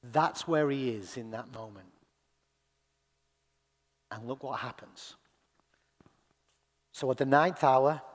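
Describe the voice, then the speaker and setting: A male pastor giving a sermon. He speaks slowly and deliberately, dropping to a hush and then rising to loud, impassioned cries. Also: mid-range voice. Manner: dramatic swings from hushed to loud crying out; slow, deliberate delivery with long pauses. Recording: long hall reverb.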